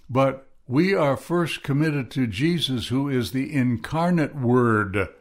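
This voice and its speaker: A middle-aged man teaching on a devotional podcast, earnest and reflective, reading scripture slowly. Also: medium pitch. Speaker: podcast preacher.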